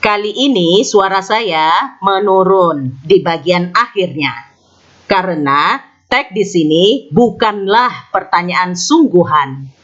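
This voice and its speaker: A woman's voice: on the low side, lively intonation, slow pace, a bit bright. A woman teaching an English grammar lesson in scripted narration, explaining carefully and repeating example sentences. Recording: slightly dull lo-fi sound.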